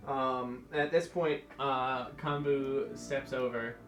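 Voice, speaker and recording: Brief: male game master, relaxed and joking, roomy echo, background music clearly audible. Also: mid-range voice, slow pace. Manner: relaxed, laughing, easygoing rulings. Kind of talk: running a tabletop game with friends. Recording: roomy sound with music behind.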